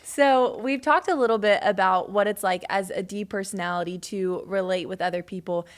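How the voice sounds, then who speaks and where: A woman's voice: medium pitch, normal speed. Woman co-hosting a podcast. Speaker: podcast co-host. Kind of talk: casual ministry podcast discussion.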